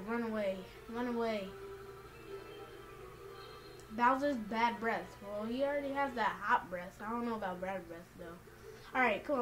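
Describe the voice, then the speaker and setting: A woman's voice: on the high side, rough recording. A woman giving casual let's play commentary in a slangy, exclamatory way, muttering to herself as she plays. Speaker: gaming video player. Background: video game music.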